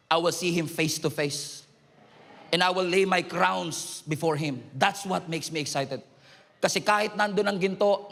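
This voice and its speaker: A middle-aged man with a Filipino accent, a pastor preaching a sermon to his congregation, mixing Tagalog with English and rising to shouts. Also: on the high side, big-room sound. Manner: switches between Tagalog and English, calls for raised hands, rises to shouts. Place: large church hall.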